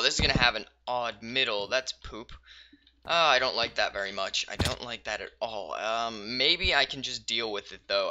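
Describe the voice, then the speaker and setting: A man giving relaxed let's-play commentary while building in a game, thinking aloud with many pauses and fillers and sudden excited bursts. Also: mid-range voice, lo-fi sound, background noise. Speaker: gaming YouTuber.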